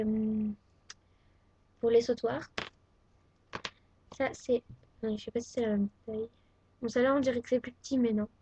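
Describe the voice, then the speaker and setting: A woman's voice: fairly high pitch, mellow, a little hiss or hum. A teenage girl from France chatting casually and hesitantly at home, showing off her crafts to a webcam. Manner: chatty and hesitant, many fillers. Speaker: craft vlogger. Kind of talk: casual show-and-tell. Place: at home, indoors. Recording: dull lo-fi webcam audio. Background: faint vacuum cleaner.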